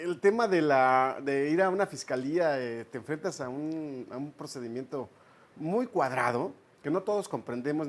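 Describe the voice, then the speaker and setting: Man, Mexican accent, panel host, casual slangy questions, faint hiss behind. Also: fairly high pitch. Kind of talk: panel discussion moderation.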